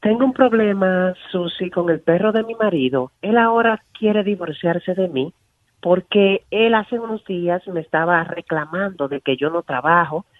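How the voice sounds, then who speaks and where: A man voicing a sultry, flirty woman caller who coos endearments at the host. Her high voice comes through a thin, tinny phone line. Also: moderate pace, no room sound, natural voice. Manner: flirty, calls everyone "my love". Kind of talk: comedy radio sketch.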